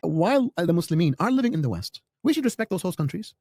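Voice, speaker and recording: A man's voice: high-pitched, big pitch swings, quick pace, darkish tone, no room sound. A man speaking as an imam in an interview, emphatic and often repeating words as he starts sentences. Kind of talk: podcast interview answers.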